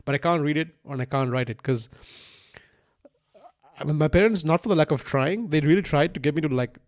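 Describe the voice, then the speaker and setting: His voice is a little high and fairly quick. On his casual solo podcast, this Sinhalese-speaking Sri Lankan man in his thirties rambles without a script, restarting and repeating himself and frequently using "like" and "right?".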